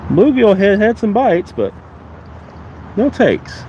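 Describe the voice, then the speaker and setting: Outdoors by the water, a fishing vlogger chats in a relaxed way to viewers while he works, his voice stuffy, nasal, and congested from a cold. He speaks slowly and his voice is high-pitched, with lo-fi sound and slight background noise.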